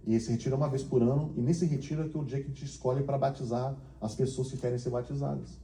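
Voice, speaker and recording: Homem pastor, voz escura, igreja ecoante. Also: male voice, medium pitch, fast, roomy sound. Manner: storytelling, acting out dialogue, shifting from hushed to excited. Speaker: pastor and missionary. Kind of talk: testimony sermon. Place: church.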